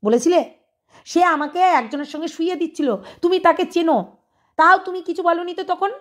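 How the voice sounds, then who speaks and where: A woman's voice: very high voice, steady tone, brisk. A woman video creator delivering a confrontational monologue at a rival, scolding her and pressing with repeated rhetorical questions.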